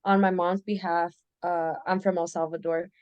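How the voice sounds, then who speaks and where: A woman's voice: lowish voice, little pitch movement, moderate pace, a little mellow, smooth, no echo, lo-fi sound. A young woman from the United States hosting a casual student podcast, talking with some hesitation and restarts.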